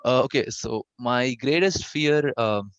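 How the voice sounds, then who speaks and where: This interviewee, a young fest founder, speaks at a medium pitch and takes his time, his tone clean, stuttering and frequently starting over as he casually answers questions. There's no room sound, and the recording is dull, lo-fi and dry.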